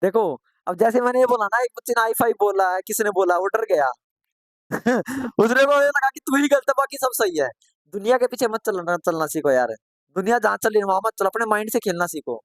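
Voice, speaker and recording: A man teaching a computer course in a live online class. He asks questions and answers them himself, repeats points, urges students to answer quickly and gently scolds and encourages them. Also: high-pitched, expressive, no room sound.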